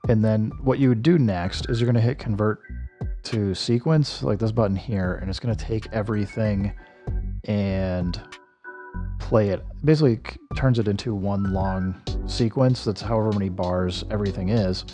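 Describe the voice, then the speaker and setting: Over background music, a streaming music producer builds a track in a casual walkthrough, thinking aloud and correcting himself. His lowish voice has a dark tone and moderate pace, and sounds a little worn as he is slightly losing it.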